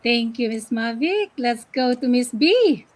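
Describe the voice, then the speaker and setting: A woman hosting an online panel, introducing guests and reading out questions with frequent pauses and fillers. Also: on the high side, lively intonation. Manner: hesitant, many fillers. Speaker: host.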